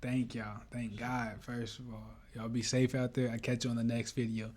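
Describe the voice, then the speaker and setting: A hoarse man vlogging in a casual, heartfelt way, rambling and earnest, peppering his talk with "you know" and "bro". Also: mid-range voice, little pitch movement, normal speed, a little mellow, slight background noise.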